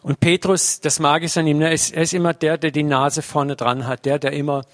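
A man's voice: a little high, flat delivery, a little fast, no room sound, clean studio sound. A man preaching a sermon in a conversational way, often tagging his sentences with a questioning "ne?". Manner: conversational, uses tag "ne?" often.

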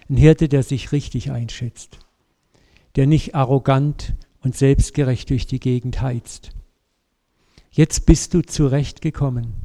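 A man preaching a sermon, telling a story with lively, vivid asides and speaking directly to his congregation. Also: mid-range voice, vocal fry.

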